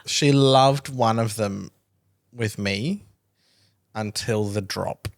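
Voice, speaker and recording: A woman co-hosting a podcast in casual chat, hoarse and half-sick, rambling with fillers and deadpan jokes. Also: extremely low pitch, takes it slowly, dry recording, studio quality. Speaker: podcast co-host.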